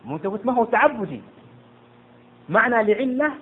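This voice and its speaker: A man teaching jurisprudence to a class, quizzing and hushing students, often stumbling and repeating words. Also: extremely high pitch, big pitch swings, brisk. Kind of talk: interactive classroom lesson. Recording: tinny lo-fi with faint noise.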